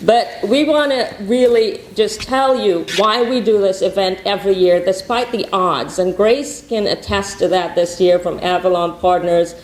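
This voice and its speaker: A woman's voice: mid-range voice, a little mellow. A woman from Guyana giving rousing, repetitive rallying opening remarks as a conference founder. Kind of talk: conference speech. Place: conference hall. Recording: echoey conference hall.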